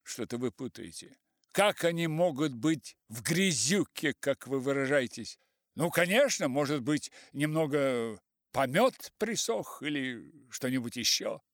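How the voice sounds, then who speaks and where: A man's voice: mid-range voice, animated, a little slow, dry recording, clean studio sound, pitched above the performer's own voice. A man voicing an irritable older professor who snaps scornfully. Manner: snappish and scornful.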